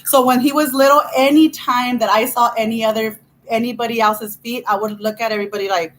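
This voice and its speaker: A woman's voice: on the high side, steady tone, brisk, poor audio. Effusive chatty woman vlogger. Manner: rambling and effusive, with frequent restarts. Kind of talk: casual chat.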